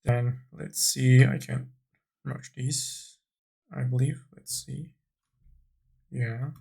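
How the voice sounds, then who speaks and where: Slow and halting, a gravelly-voiced man narrates a software tutorial off the cuff, reasoning out loud as he tackles each step. His husky voice holds a medium pitch and a steady tone, and his delivery stays instructional.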